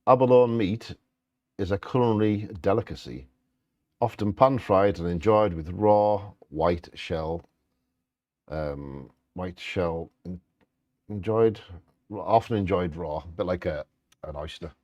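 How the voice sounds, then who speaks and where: A man's voice: sits low, measured pace, darkish tone, dry recording, highs cut off. A man co-hosting, reading out facts informally and stumbling over scientific words.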